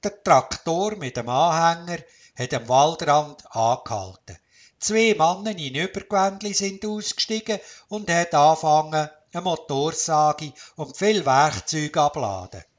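A man with a Swiss German accent narrating a children's storybook in a calm, measured way. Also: a little high, muffled recording.

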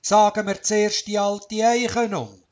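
A man with a Swiss German accent voicing an older woodcutter who speaks briskly and matter-of-factly. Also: sits high, level tone, voice pushed up.

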